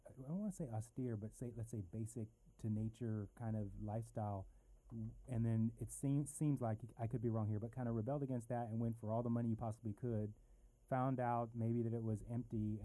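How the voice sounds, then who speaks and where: Podcast host, man, very dark tone, gropes for wording in his questions. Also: mid-range voice, poor audio. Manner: fumbling, searching for words in questions. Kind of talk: casual interview chat.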